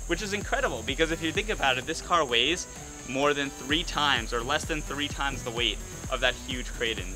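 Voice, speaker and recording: A man hosting a hobby vlog outdoors, explaining an experiment with energetic, cheerful talk. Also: a little high, poor audio. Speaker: RC hobby channel host. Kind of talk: excited demo vlog.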